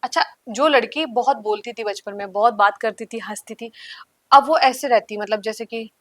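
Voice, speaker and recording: A woman's voice: fairly high pitch, normal speed, a bit bright, dry recording. A woman guest on a podcast, telling a story vividly and acting out what she once said. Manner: vivid storytelling, acting out her own past lines. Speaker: guest singer.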